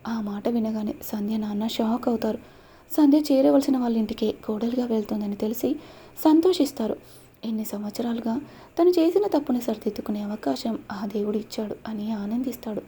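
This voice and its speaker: A woman's voice: a little fast, dark tone, a little hiss or hum. A woman narrating a love story aloud, giving each character a voice of her own. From India. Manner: voices every character herself, lifting pitch for quoted lines.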